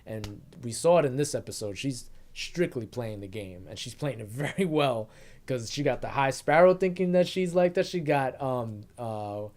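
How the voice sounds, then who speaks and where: A man's voice: medium pitch, moderate pace. A man co-hosting a casual TV review chat, talking animatedly and often acting out characters. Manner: animated, laughing, acts out characters. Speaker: podcast co-host.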